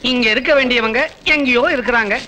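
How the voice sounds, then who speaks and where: A man's voice: very high voice, fairly even intonation, fast, pushed and bright, a little hiss or hum. A man acting in a Tamil film comedy scene, teasing and boastful, with sing-song calls.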